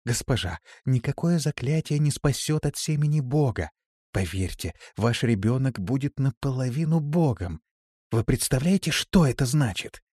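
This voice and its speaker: A man voicing a warm, devoted female servant in an audiobook, speaking gently and reassuringly. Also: mid-range voice, expressive, moderate pace, breathy edge, no echo, clean studio sound, pitched above the performer's own voice. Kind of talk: audiobook character voice.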